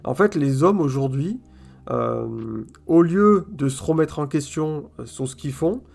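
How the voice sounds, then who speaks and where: A man vlogging a casual opinion monologue straight to his viewers, colloquial, stumbling over repeated words and filling pauses with "euh", checking in with "ok?". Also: on the high side, animated, vocal fry, darkish tone. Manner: addresses viewers directly, "si vous voulez", "ok?".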